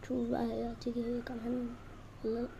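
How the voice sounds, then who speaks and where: A woman's voice: on the high side, monotone, fast talker, creaky, muffled recording, noisy background. A young woman with an Egyptian Arabic accent, playfully acting out bickering characters in a game and switching between voices. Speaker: gamer.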